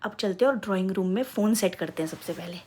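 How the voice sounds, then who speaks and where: A woman's voice: mid-range voice, quick pace, a little mellow, breathy edge. Chatty young woman vlogging at home. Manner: chatty, giggly, addresses viewers as guys. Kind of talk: casual vlog with voice-over. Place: home, kitchen and drawing room. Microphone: phone camera.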